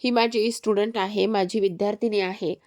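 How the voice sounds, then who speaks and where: A woman narrator voicing a calm, motherly older teacher who soothes and reassures a distressed girl. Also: medium pitch, normal speed, natural voice. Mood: soothing.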